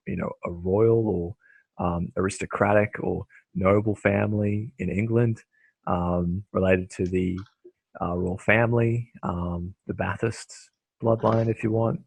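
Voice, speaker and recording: A man's voice: low-pitched, creaky, husky, no echo. A man hosting a casual interview, rambling along with lots of fillers and restarts. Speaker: host.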